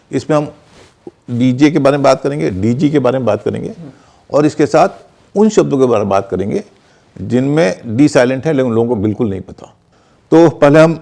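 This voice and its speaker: A man leads a pronunciation lesson in a methodical, explanatory way. He spells words out letter by letter and repeats each example. His voice is gravelly, with a dark, mellow tone. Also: mid-range voice. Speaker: pronunciation teacher.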